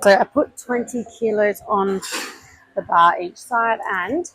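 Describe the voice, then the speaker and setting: A fitness vlogger records her gym session on a clip-on mic, counting reps out loud and offering technique tips while catching her breath between sets. Her mid-range voice is slow, a little bright and slightly rough; the recording is rough but echo-free.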